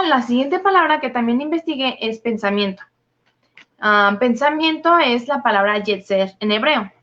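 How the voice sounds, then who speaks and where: A woman's voice: a little high, fairly bright tone. A woman teaching a Bible study, methodically explaining the meanings of scripture words. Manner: methodical, listing definitions. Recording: dull lo-fi recording.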